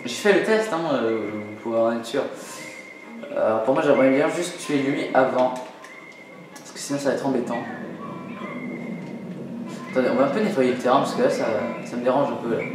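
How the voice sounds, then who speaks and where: Speaking at normal speed with long pauses, a medium-pitched man hosts a let's play, joking and mocking himself while he plays. His talk is casual, packed with fillers and frequent laughter, set in a very echoey room with game music.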